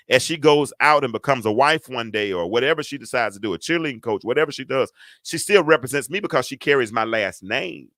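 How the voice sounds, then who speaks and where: Telling a story to his talk show audience, a middle-aged man speaks with a deep, booming voice whose tone is bright and forceful. He hammers his points home by repeating words, and he throws in folksy asides. The recording is close and dry, with no room sound.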